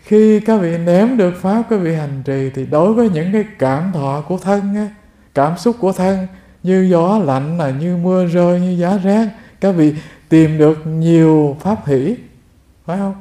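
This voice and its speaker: A monk with a high, dark-toned voice preaches at a measured pace in a reverberant space. His Dharma talk is full of storytelling, and he addresses the listeners directly.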